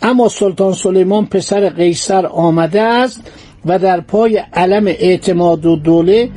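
A man telling a historical story in a lively way, mixing old formal phrasing with casual speech. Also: high voice.

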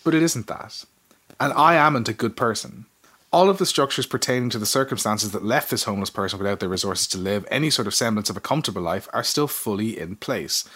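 A man's voice: on the low side, expressive, quick pace, few pauses, fairly bright tone, slightly rough. A man co-hosting a casual chat, reading out his essay with earnest, self-mocking energy. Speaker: podcast co-host.

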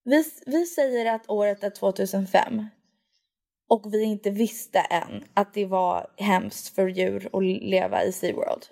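A woman's voice: medium pitch, gravelly, mellow. A young woman co-hosting a podcast in casual chat, giggly and mixing Swedish with English. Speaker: podcast co-host.

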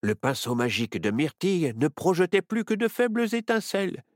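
A man narrating a children's story in an expressive, playful way. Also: high-pitched, moderate pace, dry recording, studio quality.

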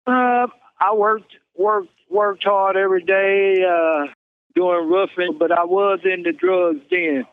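A man in his sixties speaks over a prison payphone call. The line is thin and phone-like, and the dry sound has no room around it. His voice sits a bit high for a man, and he talks plainly, repeating a word as he gets going. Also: steady tone, slow pace, clean tone, dry recording. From Kansas City, Missouri. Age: 60s. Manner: plain-spoken, repeats words as he starts, says "man" often. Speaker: incarcerated interviewee. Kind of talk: casual phone interview.

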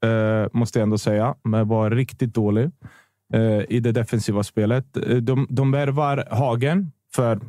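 A man's voice: medium pitch, dry recording, studio quality. A man on a podcast panel, talking football in a casual, opinionated way, often restarting his sentences. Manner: animated, opinionated, trails off and restarts.

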